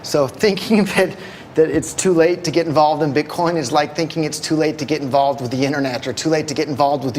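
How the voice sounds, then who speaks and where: A man's voice: on the high side, darkish tone, slight background noise. A man speaking earnestly and emotionally as a Bitcoin advocate addressing a crowd. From United States. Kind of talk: impassioned public talk.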